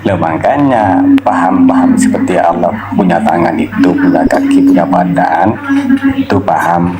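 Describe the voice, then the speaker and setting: A man's voice: deep voice, moderate pace, very noisy. A man taking part in a heated online debate, insistent and asking for his turn. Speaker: debate participant.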